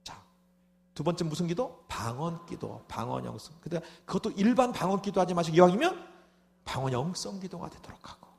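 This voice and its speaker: A pastor preaches at a revival meeting, his voice high, bright, brisk and gravelly. He speaks animatedly, tossing out rhetorical asides and acting out prayers, and at moments rises into loud, fervent shouted prayer.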